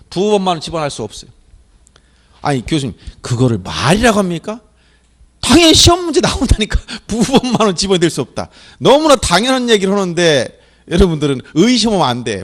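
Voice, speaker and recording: Man, middle-aged, exam lecturer, high-pitched, very animated intonation, question-and-answer drilling. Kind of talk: classroom lecture.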